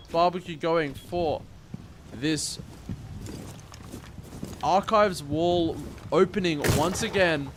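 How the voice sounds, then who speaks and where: A man casts play-by-play for an esports shooter match, swinging between tense build-up and excited calls like a seasoned caster. His voice sits a little high, and there's some background noise.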